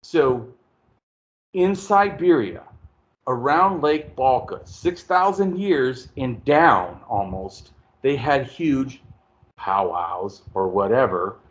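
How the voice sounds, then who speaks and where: A man hosting a casual conversation, explaining at length in a rambling, animated way and swearing freely. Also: medium pitch, slow. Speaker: podcast host.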